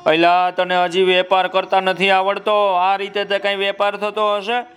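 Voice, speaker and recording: Give me a crafty, flattering shopkeeper, done by a man for a kids' storybook, pitched high. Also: measured pace, clear, resonant tone. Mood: scolding. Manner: coaxing, flattering, scolding. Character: sly smooth-talking male shopkeeper uncle.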